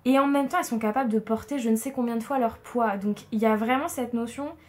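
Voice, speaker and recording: A woman talks fast in a slightly high voice during a casual tarot reading for viewers, filmed on a tripod camera in a room at home. Warm and reassuring, she chats freely, using frequent fillers and soft laughs.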